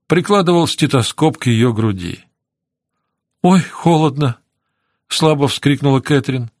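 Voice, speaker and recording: A man narrating a novel as an audiobook in a measured, even reading on a close studio mic. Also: medium pitch, dry recording. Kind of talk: scripted narration.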